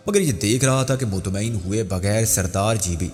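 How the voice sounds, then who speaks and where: A man narrating a crime thriller novel as an audiobook, with steady storytelling. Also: lowish voice. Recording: long hall reverb with faint music.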